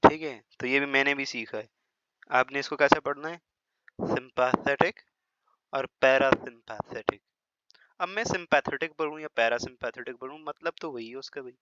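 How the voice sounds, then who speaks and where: With a sharp, mid-range voice, a man teaches biology lecture-style, mixing Hindi and English, joking with teasing asides and repeatedly checking students are keeping up. When showing pronunciation, he slows and over-stresses words. The audio is dry, lo-fi and slightly dull.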